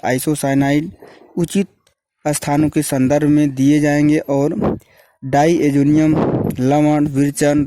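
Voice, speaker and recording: A man, a chemistry teacher, reading out a syllabus. He works through a steady list of chemical terms and now and then corrects himself mid-word. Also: on the high side, no echo.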